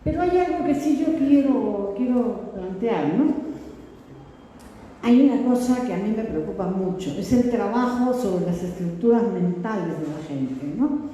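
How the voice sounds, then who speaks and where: A woman's voice: a little high, expressive, unhurried, warm tone, dull audio, a little hiss or hum. An older woman from Peru, giving a political lecture in a conversational, ironic way and tagging her points with rhetorical questions. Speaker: sociologist lecturer. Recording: echoey hall with long reverb.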